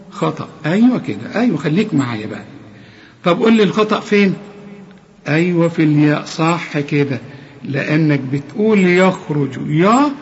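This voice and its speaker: A man's voice: fairly high pitch, a little mellow. A man with an Egyptian accent teaching Quran recitation rules, correcting each sound and quizzing the listener. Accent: Egyptian Arabic. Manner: corrective, repeats sounds and asks the listener questions. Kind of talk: tajweed lesson with recited examples. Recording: dull lo-fi sound with long reverb.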